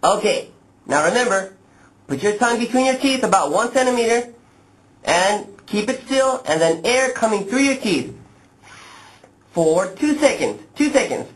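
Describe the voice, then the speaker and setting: A man presenting a pronunciation lesson to learners, modeling speech slowly and with exaggerated, deliberate clarity. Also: high voice, animated, low-quality recording. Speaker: pronunciation teacher, lesson host. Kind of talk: instructional lesson to camera, addressing learners.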